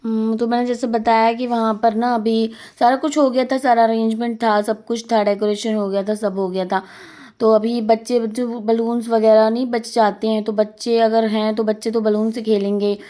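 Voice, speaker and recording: A woman's voice: fairly high pitch, little pitch movement, moderate pace, few pauses, warm tone. Chatty woman narrating a family vlog. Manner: chatty, rambling, laughs while recounting. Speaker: vlogger.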